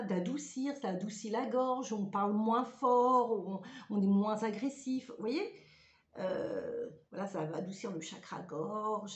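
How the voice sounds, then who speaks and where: A woman's voice: fairly high pitch, a little mellow. A woman giving a casual spoken tutorial in a chatty, hesitant way, with frequent fillers. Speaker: ritual practice vlogger. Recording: roomy echoey room.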